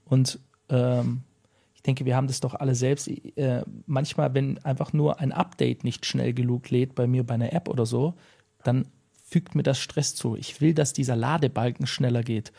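Gravelly-voiced male interviewer. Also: medium pitch, fairly even intonation, moderate pace, mellow. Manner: thoughtful, prompting with short affirmations. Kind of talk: conversational interview.

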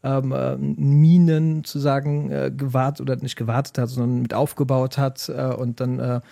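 A man's voice: medium pitch, moderate pace, vocal fry, dry recording, clean studio sound. A middle-aged man from Germany, an author telling stories and explaining ideas in a conversational interview. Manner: animated storytelling, explanatory. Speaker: guest.

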